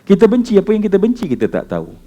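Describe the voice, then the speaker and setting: A man with a Malaysian Malay accent preaching at a mosque, telling a story that swings between loud exclamations and hushed, slow recitation. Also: high-pitched, huge pitch swings. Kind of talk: mosque lecture.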